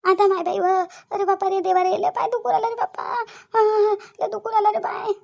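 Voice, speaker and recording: A woman's voice: high-pitched, steady tone, very fast. A woman voicing a sly, lazy middle-aged aunt in a cartoon, talking with a Vidarbha Marathi accent in a whiny, pleading way. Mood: fake groaning. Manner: whiny, pleading, dialect-heavy. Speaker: cartoon voice actor. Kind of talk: cartoon dialogue.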